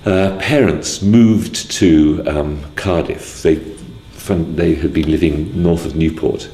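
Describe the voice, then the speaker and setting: A man in his sixties from Wales, recalling his early life in a hesitant way, with many pauses and restarts. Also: a bass voice, steady tone, mellow, echoey room, a little hiss or hum. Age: 60s. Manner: hesitant, full of ums and restarts. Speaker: interviewee. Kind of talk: casual spoken memoir.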